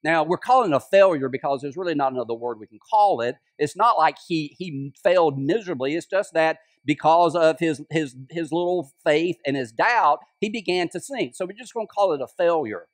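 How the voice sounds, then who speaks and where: Conversational pastor preaching. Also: male voice, fairly high pitch, lively intonation, brisk, hardly any pauses, no echo. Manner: conversational preaching with restarts and drops to a soft voice on quotes. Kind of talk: sermon. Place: church sanctuary.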